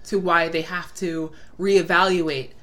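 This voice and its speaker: A woman co-hosting a casual podcast chat, chatty and quick to laugh, trailing off with fillers. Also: fairly low pitch, level tone, fairly bright tone. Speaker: podcast co-host.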